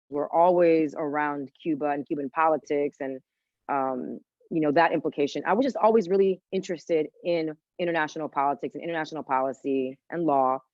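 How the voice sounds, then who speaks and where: A woman's voice: sits low, a little mellow, no echo, muffled recording. A woman who grew up in Washington, D.C., a guest chef telling her story in a chatty interview and dropping in Spanish phrases. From Washington, D.C., United States. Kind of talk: casual interview conversation.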